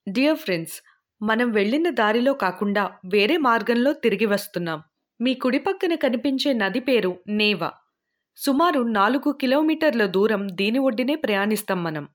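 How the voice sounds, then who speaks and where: A woman's voice: fairly high pitch, expressive, normal speed, close to an everyday voice. A woman reading a friendly female tour guide who informs her group, in audiobook style. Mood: informative. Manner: informative, announcing.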